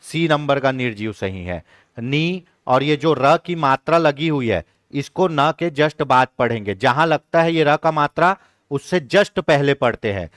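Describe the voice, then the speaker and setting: A man's voice: mid-range voice, expressive, a bit bright, no room sound, studio quality. Man teaching an online exam class. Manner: explains step by step, often asking "ठीक है?"; slowly repeats words aloud when stressing them.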